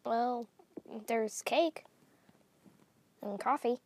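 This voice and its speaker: A woman's voice: fairly high pitch, very slow, a little mellow, heavily acted. A woman voicing a breezy teasing young dragon. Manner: offhand, teasing.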